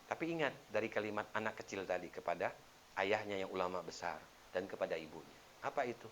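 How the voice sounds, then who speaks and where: A man preaching a sermon as an ustadz, telling stories and acting out the quoted lines with sudden loud bursts. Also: low voice, fast talker, slight background noise.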